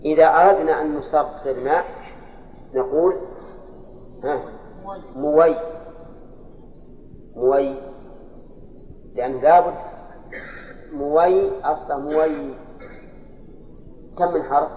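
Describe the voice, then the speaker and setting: Brief: male teacher, slightly high voice, quizzing students, dull lo-fi hall recording. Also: fairly even intonation, slow, long pauses. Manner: explains step by step, quizzes students with "ها؟". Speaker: teacher of Arabic grammar. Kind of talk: classroom lecture on grammar. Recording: echoey hall, dull lo-fi sound, faint hiss.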